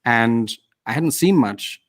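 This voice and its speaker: The host, a man from the UK, takes things slowly with lively intonation in a middle-pitched voice during a casual video-call interview. He chats and rambles, loops back on his questions, and teases his guest from time to time.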